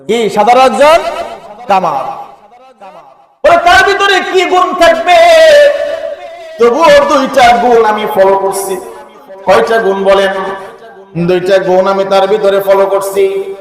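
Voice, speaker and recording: A man's voice: sits high, steady tone, slow pace, long pauses. A male preacher telling a story, rising into an emotional chant and calling on the listeners to respond. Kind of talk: sermon storytelling. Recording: echoey hall from a distance.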